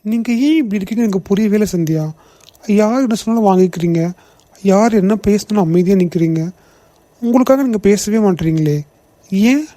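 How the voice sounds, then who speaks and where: A man's voice: high-pitched, a little fast, dark tone, no echo, close to an everyday voice. A man voicing a young office boss in a cartoon, firm, indignant and lecturing. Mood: urging. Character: young male office boss, protective and outspoken. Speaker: CEO. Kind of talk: cartoon voice acting.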